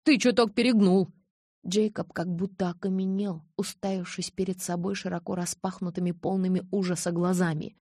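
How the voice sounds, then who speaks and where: A woman narrating a novel in the first person, expressive and lively. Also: fairly low pitch, a little fast, hardly any pauses, slightly rough, dry recording, clean studio sound. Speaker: audiobook narrator.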